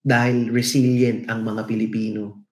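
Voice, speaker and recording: A man's voice: medium pitch, little pitch movement, unhurried, a crowd in the background. A middle-aged man from the Philippines with a Filipino accent, a podcast co-host telling stories in a reflective, casual way. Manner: reflective storytelling. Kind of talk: casual podcast chat, mixing in English. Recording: echoey room.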